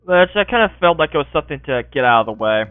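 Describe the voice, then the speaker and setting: Host, male, slightly higher voice, tinny phone-line sound, dry. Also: very animated, quick pace, no echo. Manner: encouraging, moderates turns. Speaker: podcast host. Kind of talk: casual group discussion. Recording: tinny phone-like call audio.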